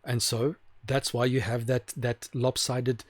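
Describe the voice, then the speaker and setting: A man's voice: medium pitch, flat delivery, unhurried, no echo. A man giving an opinionated monologue to camera, rambling with restarts and asking rhetorical questions. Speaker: video host. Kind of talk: opinionated talking-head monologue.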